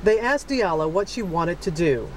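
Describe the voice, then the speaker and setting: A woman's voice: on the low side, animated, normal speed, a little mellow. Woman narrating a news report, noisy and distant.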